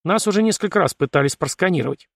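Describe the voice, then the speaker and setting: A man's voice: high voice, lively intonation, fast talker, vocal fry, dry recording, voice pushed up, full character voice. A man voicing a wry, sarcastic male ship artificial intelligence in an audiobook, with a dry, mocking, matter-of-fact delivery.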